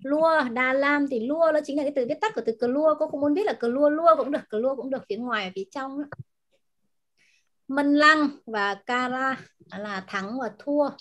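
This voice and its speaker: A woman teacher in an online class, patiently explaining words and pronunciation and repeating them slowly over a video call. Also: sits high, fairly bright tone. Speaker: language teacher.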